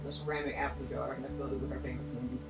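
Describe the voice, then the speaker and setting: A man's voice: medium pitch, little pitch movement, rapid-fire, vocal fry. A man chatting casually on a live stream, telling rambling stories and laughing often. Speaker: stream co-host. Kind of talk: casual chat. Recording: echoey room with music behind.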